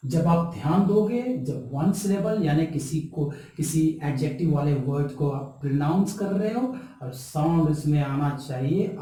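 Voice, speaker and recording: Guy teaching grammar, slow and lively, spells words out, really echoey room, far from the mic. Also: a little high. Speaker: English teacher. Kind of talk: classroom grammar lesson.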